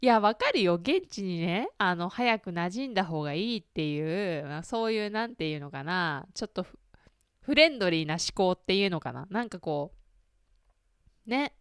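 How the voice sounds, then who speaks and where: A woman's voice: on the low side, big pitch swings, moderate pace, clear, resonant tone, dry recording, studio quality. A woman in her thirties hosting a casual solo chat, talking to listeners with lots of fillers, asides and self-deprecating questions. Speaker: podcast host.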